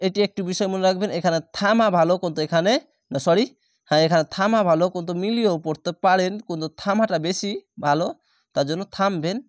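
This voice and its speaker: A man leads a patient recitation lesson, breaking each word into letters and vowel marks before chanting it slowly. His voice sits a little high and rings smooth and clear. The sound is dry and close. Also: no room sound. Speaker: Quran recitation teacher.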